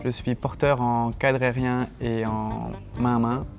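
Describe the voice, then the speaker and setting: A man's voice: medium pitch, flat delivery, a little slow, gravelly, a little mellow. A young man from France, a circus base speaking easily and hesitantly in an interview. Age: young adult. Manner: easygoing, hesitant with fillers. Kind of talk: interview testimony. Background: guitar music.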